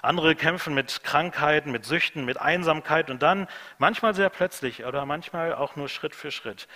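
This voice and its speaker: A man preaching a sermon, emphatic, repeating key phrases and swinging between loud and hushed delivery. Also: a little high, moderate pace, long reverb tail.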